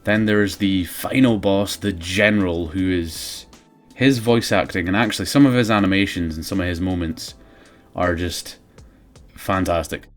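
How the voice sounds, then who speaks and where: A man's voice: deep voice, normal speed, faint music behind. A man giving casual, sardonic, sweary comedic commentary as a video game reviewer.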